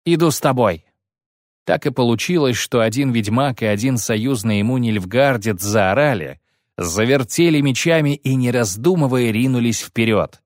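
A man narrating an audiobook in a steady, dramatic storytelling manner. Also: mid-range voice, normal speed, no echo, clean studio sound.

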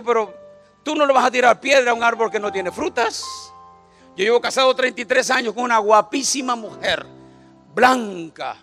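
High-voiced and a bit bright, the man in his 50s jokes his way through a church sermon. Again and again he turns to the congregation with "right?", looking for them to agree.

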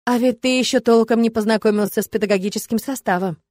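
A woman's voice: on the high side, fast talker, a little mellow, no room sound, close to an everyday voice. A woman voicing a sardonic male werewolf who mocks dryly.

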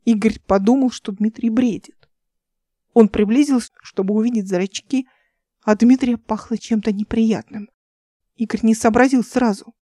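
A woman reads an audiobook in a calm, even storytelling manner. Her voice is mellow and dark. The sound is dry and close. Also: a little high, moderate pace, dry recording. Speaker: audiobook narrator. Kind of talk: audiobook narration.

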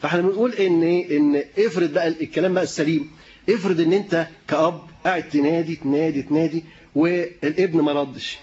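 Egyptian preacher, fast, high voice, quizzes his listeners; lo-fi dull recording. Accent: Egyptian Arabic. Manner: lively, questioning the room, chuckling often. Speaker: preacher teaching a class. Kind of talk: interactive lesson with audience.

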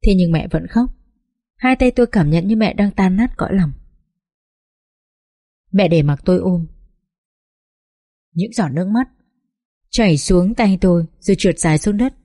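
Brief: woman audiobook narrator, mellow low voice, dry close sound. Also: expressive, normal speed, pauses often, no room sound. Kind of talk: scripted story narration.

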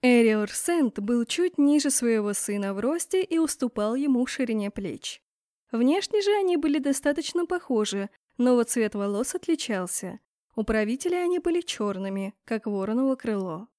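A woman narrating a first-person fantasy audiobook in a lively, expressive way. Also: on the high side, moderate pace, no room sound, clean studio sound. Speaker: audiobook reader.

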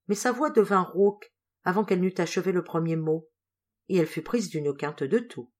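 A woman reading a novel aloud as an audiobook, calm and measured with light expression. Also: fairly low pitch. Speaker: audiobook reader. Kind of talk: literary audiobook narration.

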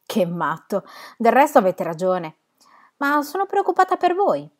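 A woman voicing a shy, lonely shopkeeper who grows lively in conversation, read from a novel. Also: fairly high pitch, moderate pace, voice pushed up.

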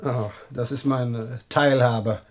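An actor playing a cocky, menacing young burglar who talks in a smug, mocking way in a radio play. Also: male voice, mid-range voice, fairly even intonation, unhurried, close to an everyday voice.

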